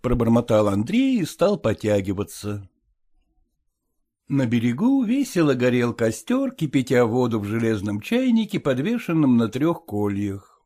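Male narrator for an audiobook story, varied intonation, mellow timbre. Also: medium pitch, sing-song, unhurried.

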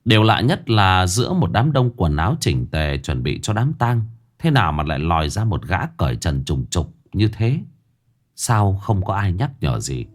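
Male horror storyteller, low and animated, dramatic and wry. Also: moderate pace. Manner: dramatic, wry first-person telling. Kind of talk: scripted horror narration.

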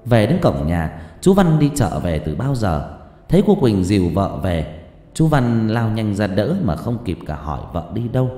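A man narrating a scripted horror story in a dramatic, expressive way. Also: on the low side, moderate pace. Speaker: audiobook narrator. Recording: roomy reverb with faint music.

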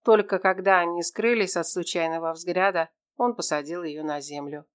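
A woman narrating a fantasy novel in an even, measured reading voice. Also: fairly low pitch. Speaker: audiobook narrator. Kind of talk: scripted storybook narration.

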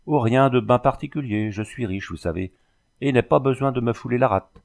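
A man's voice: medium pitch, normal speed, vocal fry, darkish tone, pitched above the performer's own voice, natural voice. A man voicing a boastful young male suitor in a storybook, flowery and self-satisfied.

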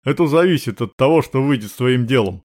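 A man voicing an older male guard boss, calm, flat and matter-of-fact. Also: medium pitch, brisk, close to an everyday voice.

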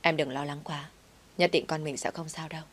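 Woman voicing a gentle, weary young husband. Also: on the high side, level tone, a little fast. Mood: tender. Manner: soft, soothing, reassuring.

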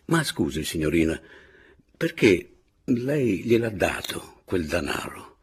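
Un pensionante educato e guardingo che parla piano e con riguardo, come lo legge il narratore. Timbro profondo e graffiante, velato e ruvido. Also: male voice, low voice, big pitch swings, slow, breathy edge, exaggerated voice. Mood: cautious. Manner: polite, soothing. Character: courteous male lodger, gentle and cautious.

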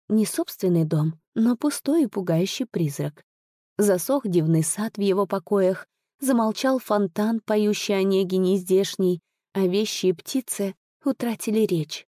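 A woman narrating a fairy tale in a measured, expressive way. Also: medium pitch, no echo, clean studio sound. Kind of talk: storybook narration.

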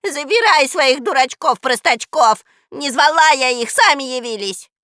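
A woman voicing a furious old storybook witch who shrieks and shouts her lines. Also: high-pitched, animated, measured pace, no echo, clean studio sound, voice pushed up, exaggerated voice. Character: furious old witch Baba Yaga, snarling. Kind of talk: audiobook character voice.

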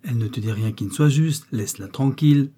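A man voicing a mild, weary older father-in-law who speaks in a calm, placating way in an audiobook. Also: medium pitch, fairly quick, slightly rough, close to an everyday voice.

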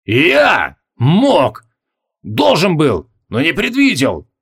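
Hoarse, earnest guard captain read by a man, gravelly and self-reproaching, audiobook figure. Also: a little high, huge pitch swings, extremely slow, fairly bright tone, heavily acted.

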